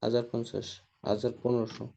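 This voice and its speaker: Gravelly, dark-voiced male student. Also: medium pitch, level tone, fast talker, slight background noise. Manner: quiet, repeats figures back. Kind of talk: answering a tutor. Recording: dull lo-fi recording.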